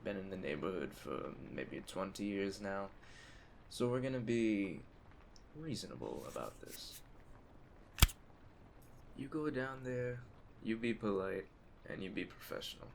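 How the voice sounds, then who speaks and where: Speaking straight to the listener in ASMR roleplay, a man plays a courteous mafia Don with a very low, heavily creaky, gravelly voice. His delivery is measured and exaggerated, with big pitch swings, calm on the surface and quietly threatening underneath. Storm sounds play faintly behind him amid slight background noise.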